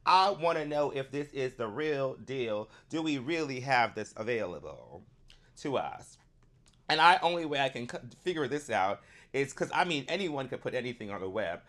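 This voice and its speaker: A man's voice: mid-range voice, very animated, moderate pace, fairly bright tone. A man giving casual commentary, thinking aloud in a rambling way as he goes. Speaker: vlogger checking a program.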